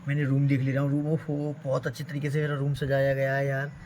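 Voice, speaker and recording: A man's voice: medium pitch, completely flat delivery, fast talker, background noise. A man performing an improvised doll-play skit in a bustling, chatty way, often tossing in casual fillers. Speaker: performer voicing dolls in a family skit.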